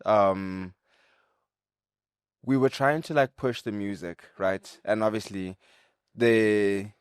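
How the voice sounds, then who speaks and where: A young man with a lowish voice talks through his story in a loose, easygoing way, peppering his lines with "like" and "right?". He comes from Zimbabwe and speaks as an interview guest. The sound is close and dry. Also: no room sound. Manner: relaxed, conversational, uses "like" and "right?" often. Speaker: guest, content creator and videographer. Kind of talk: casual interview answers.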